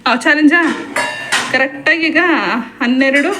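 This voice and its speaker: A woman's voice: high-pitched, steady tone, unhurried, over music. A woman in her forties with a Kannada accent, a mother chatting and teasing her daughter in a home kitchen at night. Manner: teasing, bossy, laughing. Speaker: vlogger, mother. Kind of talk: casual family chat.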